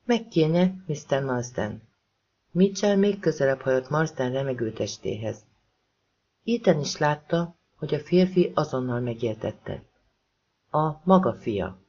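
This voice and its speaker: A man reading an audiobook as narrator, in a lively, expressive way. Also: mid-range voice, husky, muffled recording.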